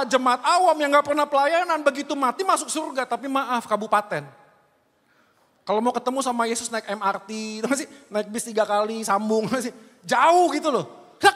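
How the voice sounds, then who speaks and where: A man with an Indonesian accent preaching a sermon in a lively, conversational way, dropping in English words. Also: very high voice. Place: large church hall. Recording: church hall reverb.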